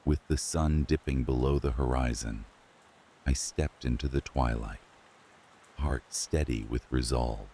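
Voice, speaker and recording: A man narrating a scary story for sleep in a slow, hushed storytelling manner. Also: a bass voice, vocal fry, slight background noise. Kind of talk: scripted horror narration for sleep.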